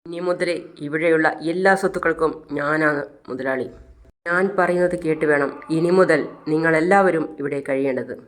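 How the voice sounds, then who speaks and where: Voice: mid-range voice, normal speed, lightly acted. A storyteller voicing a scheming young woman who claims the family property, defiant and taunting.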